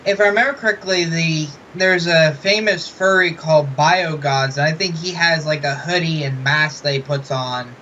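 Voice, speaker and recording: A man hosting an interview, asking questions in a soft, slightly mumbling, hesitant way from inside a fursuit head. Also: a little high, fairly even intonation, normal speed, few pauses. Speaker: interviewer, channel host. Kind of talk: casual interview. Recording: muffled, dull audio with hiss.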